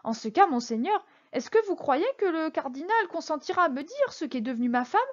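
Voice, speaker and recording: Storybook role: a nervous, stammering shopkeeper, high and eager to please, voiced by a woman; muffled lo-fi sound. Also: very animated, fast, a bit bright. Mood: anxious. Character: timid, fawning middle-aged male shopkeeper, nervous prisoner.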